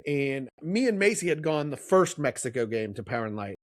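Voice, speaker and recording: A Kansas City man co-hosts a podcast, spinning a long, rambling story in casual chat and acting out the quotes. His mid-range voice has a sing-song, brisk delivery, captured in a dry, studio-quality recording.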